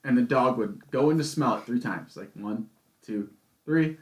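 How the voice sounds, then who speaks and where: A man's voice: medium pitch, normal speed. A man co-hosting a podcast, telling stories in casual chat with an exasperated, swearing manner. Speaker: podcast co-host. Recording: echoey room.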